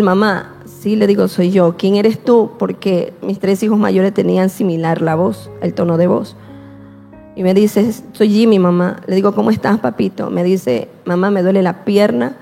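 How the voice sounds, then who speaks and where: A woman telling her personal testimony slowly and with emotion, often repeating herself and quoting her prayers. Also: medium pitch, vocal fry, mellow, in a large hall.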